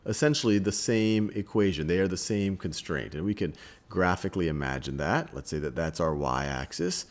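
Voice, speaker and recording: A man explaining algebra step by step in a relaxed, conversational way, thinking aloud and repeating words as he writes. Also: low voice, moderate pace. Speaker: math teacher. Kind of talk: explaining math at a virtual blackboard.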